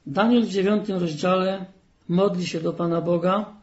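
A man delivers an earnest sermon in church, reading scripture and pressing hard on the key phrases. His voice sits fairly high. The recording is dull and lo-fi. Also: fairly even intonation, moderate pace, darkish tone. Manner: earnest, rising to emphatic stress on key phrases. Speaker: preacher.

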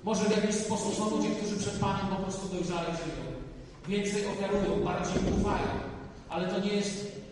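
A man's voice: high-pitched, steady tone, normal speed, heavy background noise. A man preaching a sermon to a congregation, earnest, often putting questions to the listeners. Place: church hall. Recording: echoey hall, distant mic.

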